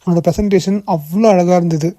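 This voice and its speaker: A woman voicing a kind young male boss in a cartoon, gently coaxing and reassuring. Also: fairly low pitch, brisk, dry recording, clean studio sound, lightly acted. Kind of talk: cartoon voice acting.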